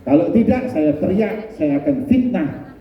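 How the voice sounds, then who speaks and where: An insistent, demanding temptress, acted out by a male preacher in his own fairly high voice. She pushes hard with threats, heard from a distance in an echoey hall with a dull, muffled sound. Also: animated, unhurried.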